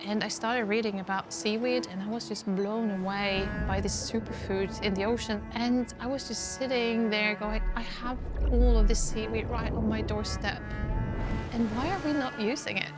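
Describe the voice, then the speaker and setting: A woman's voice: fairly high pitch, fairly even intonation, normal speed. A woman in her thirties from northern Norway, speaking English, telling her company's story in an earnest, enthusiastic documentary interview. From Lofoten, Norway. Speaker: company co-founder and CEO. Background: loud background music.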